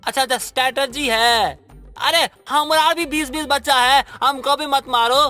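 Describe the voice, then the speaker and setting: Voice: sits high, fairly even intonation, normal speed, pushed and bright, faint music behind. A performer voicing a cowardly village goon sidekick who complains and pities himself. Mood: whiny. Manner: complaining, rustic and self-pitying. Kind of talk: cartoon voice acting.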